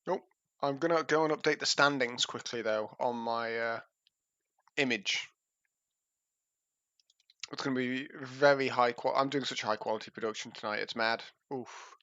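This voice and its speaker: A man calling an esports match on a livestream, talking over a headset mic with a dry, slightly dull sound and no room around him. He keeps up casual, self-mocking chatter between plays at a middling pitch. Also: moderate pace, long pauses, pushed and bright, no echo. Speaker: esports caster. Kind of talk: live game commentary.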